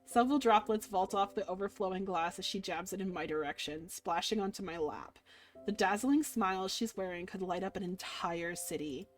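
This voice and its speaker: A woman streamer with a medium-pitched voice reads visual novel narration at a normal speed during a playthrough. She tells the story expressively and gushes over the characters, with game music playing behind her.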